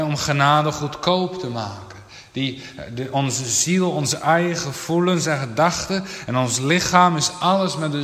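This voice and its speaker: A man's voice: a little high, a bit bright. A man preaching a sermon to his congregation, solemn and emphatic, with old-fashioned biblical phrasing. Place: church. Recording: echoey church with long reverb.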